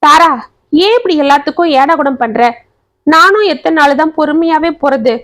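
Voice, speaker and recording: A woman's voice: high-pitched, moderate pace, pitched above the performer's own voice. A woman voicing a patient, pleading widowed mother. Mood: chiding. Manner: pleading, gentle.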